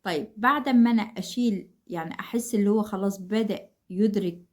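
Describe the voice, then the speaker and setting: A woman with an Egyptian Arabic accent, a reading tutor giving brisk, encouraging advice to mothers and repeating simple examples. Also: mid-range voice, a little mellow. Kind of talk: instructional talk to parents.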